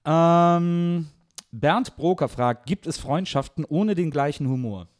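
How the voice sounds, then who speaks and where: A man's voice: fairly high pitch, expressive, moderate pace, darkish tone. A man hosting a casual podcast, easygoing, laughing along and reading out listener questions. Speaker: podcast host.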